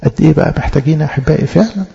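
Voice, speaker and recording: A man with an Egyptian Arabic accent preaches at a brisk clip, his voice heavily gravelly and mellow in tone. He drives each point home with emphatic rhetorical questions. The sound is dull and lo-fi, with a long reverb as if in a large hall. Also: a little high. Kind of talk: Bible-study sermon. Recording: lo-fi echoey hall.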